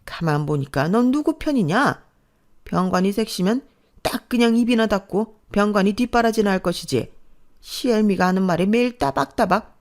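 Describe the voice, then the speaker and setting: A woman's voice: mid-range voice, animated, normal speed, close to an everyday voice. A woman voicing a harsh, domineering grandmother-in-law in her old age who talks in a scolding, scornful way.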